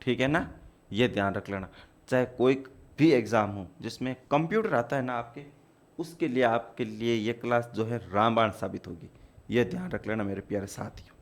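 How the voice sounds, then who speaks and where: A man teaching a computer exam-prep class, explaining step by step and repeating key points to his students. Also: medium pitch.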